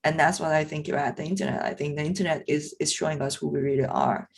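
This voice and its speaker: A woman's voice: sits low, fairly even intonation, fast, vocal fry. A woman, a podcast host talking earnestly and personally, thinking aloud with frequent fillers. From Iran. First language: Persian. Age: 40s. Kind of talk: reflective conversation.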